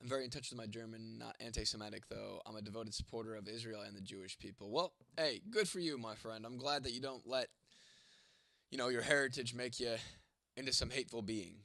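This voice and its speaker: A man's voice: medium pitch, brisk, creaky, pushed and bright, no echo. Profane young man answering his stream chat. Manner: profane, rambling, answers chat comments by name. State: sore throat, coughing. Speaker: livestream host reading chat. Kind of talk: casual livestream chat.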